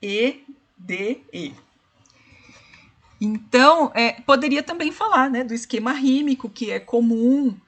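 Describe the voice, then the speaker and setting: A woman giving an online literature lesson. She explains step by step, checks in with "né?" and slows down to count syllables and spell out rhyme schemes. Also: on the high side, animated. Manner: explanatory, repeats "né?" and "ó". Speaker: literature teacher. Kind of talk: online tutoring session.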